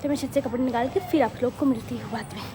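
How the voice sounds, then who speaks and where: A woman vlogging casually on a handheld phone at home and on the rooftop. She talks fast and rambles chattily. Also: on the high side. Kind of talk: casual home vlog chat. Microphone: handheld phone camera.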